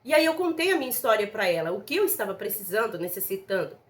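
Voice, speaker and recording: A woman's voice: mid-range voice, big pitch swings, fast. A middle-aged woman giving an earnest religious testimony, speaking directly to listeners as brothers and sisters. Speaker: church member giving testimony.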